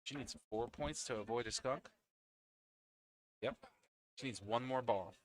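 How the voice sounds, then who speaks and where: A man speaks in a mid-range voice at a measured pace, calling a pool league match live from indoors at the venue. He chats with his co-commentator between shots.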